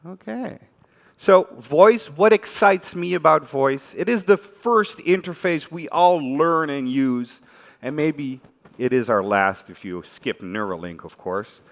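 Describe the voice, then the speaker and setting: Speaking slowly in a fairly high, animated voice, a Dutch-accented man from the Netherlands addresses a large conference hall in an informal, conversational talk, asking his listeners questions. The stage recording is reverberant.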